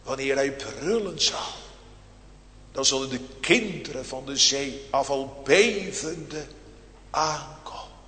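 Slow, solemn preacher in an echoey church. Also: male voice, mid-range voice, bright, forceful tone. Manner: slow, solemn preaching with rising, emphatic outbursts. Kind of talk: sermon.

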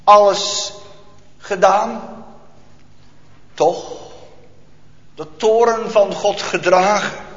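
A man preaching a solemn sermon, asking rhetorical questions and leaving long pauses. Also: high-pitched. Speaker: pastor. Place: church hall. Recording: echoey church hall, dull lo-fi.

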